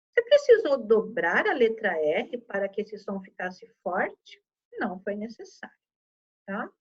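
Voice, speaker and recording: In an online Portuguese lesson for children, a woman teaches patiently, explaining step by step and checking in often. Her voice sits high, and the sound is lo-fi.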